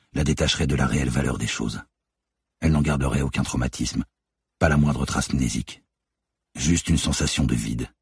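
A man narrates the audiobook in a measured, somber way, his voice extremely deep and heavily breathy. The sound is dry and close, with no room around it. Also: no room sound. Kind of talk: scripted narration.

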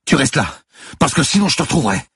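A man's voice: a bass voice, moderate pace, slightly rough, dry recording, studio quality, heavily acted. A man voicing a young woman police officer, terse and commanding. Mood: shouting threats.

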